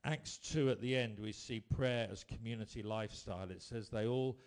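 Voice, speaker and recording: Male preacher, lowish voice, storytelling sermon, swings from bold to hushed. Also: normal speed. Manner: storytelling, rising to emphatic bursts then dropping quiet.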